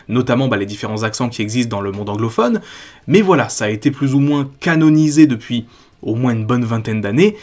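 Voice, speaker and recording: Guy doing a snarky movie review video, average pitch, opinionated. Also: a little mellow. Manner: critical, sarcastic, opinionated. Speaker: YouTube film critic. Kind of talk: scripted video-essay commentary.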